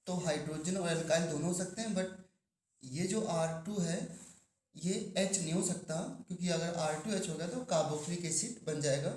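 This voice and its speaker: A man teaching chemistry to a class, asking the students questions and drawing out key terms slowly. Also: sits high, a little mellow, roomy sound. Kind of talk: classroom lecture.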